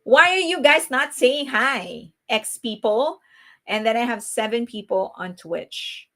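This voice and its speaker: This livestream host is a Filipina with a Filipino accent who chats casually with her audience, laughing frequently and restarting sentences. Her voice is a little high and fairly bright, and she sounds animated yet unhurried.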